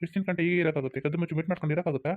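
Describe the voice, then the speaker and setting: A man's voice: on the high side, fairly even intonation, racing, natural voice. A man voicing a young male college student who insistently demands an answer. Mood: demanding. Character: young male college lover, pushy and impatient. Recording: tinny phone-like sound.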